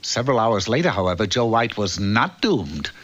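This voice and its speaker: A man's voice: lowish voice, big pitch swings, normal speed, fairly bright tone. A man playing a wry, arch fairy-tale storyteller narrating a cartoon.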